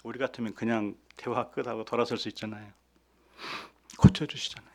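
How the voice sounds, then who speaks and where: A man in his fifties, a pastor delivering a sermon, moving between hushed asides and loud, emphatic preaching. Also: medium pitch, flat delivery, fairly quick. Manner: acts out quoted lines softly.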